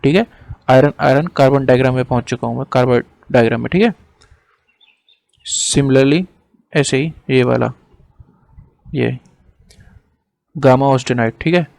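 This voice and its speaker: Man slowly dictating lesson definitions. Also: mid-range voice, creaky, darkish tone. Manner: slow dictation of definitions, then quick explaining in between; casual, apologizes for hesitating. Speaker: teacher. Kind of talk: lecturing over a screen diagram.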